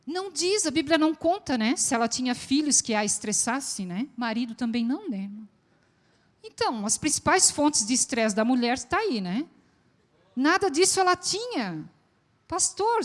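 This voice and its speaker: Lively Brazilian woman speaking in a church. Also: sits high, moderate pace. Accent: Brazilian Portuguese, southern. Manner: lively, asks the audience questions. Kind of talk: church talk to a congregation. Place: church hall. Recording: long echo of a large church hall.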